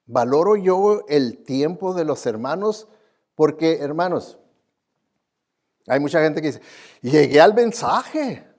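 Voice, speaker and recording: Speaking live to his congregation, a pastor gives a conversational sermon in which he admonishes people and frequently poses questions, rhetorical ones and tags for agreement among them. His voice is a little high and slightly mellow, with lively intonation, a slow pace, and long pauses.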